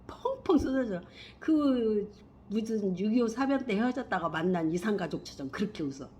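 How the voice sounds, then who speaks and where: A middle-aged woman telling a personal spiritual story in a rambling, emphatic way, swinging from hushed to loud. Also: medium pitch, a little hiss or hum. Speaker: spiritual vlogger.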